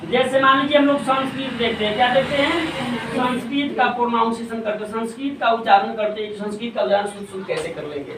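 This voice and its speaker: A male teacher in a classroom who asks questions, has the class repeat after him, and spells words out slowly sound by sound. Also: very high voice. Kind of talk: classroom pronunciation drill. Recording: roomy, distant mic, faint hum.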